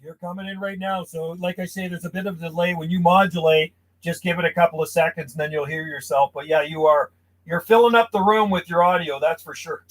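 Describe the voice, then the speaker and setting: This man's voice is a little high and steady in tone as he chats briskly over CB radio from a small insulated shack outdoors. He's friendly and buddy-like, with slight background noise in a rough recording.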